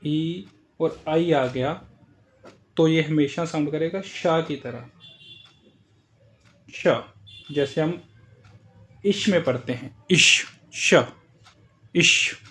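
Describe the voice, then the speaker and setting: Slow, careful man teaching pronunciation. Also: a little high, a little mellow, faint music behind. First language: Hindi. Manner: slow, repeats example words several times. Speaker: German teacher. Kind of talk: language lesson explaining pronunciation.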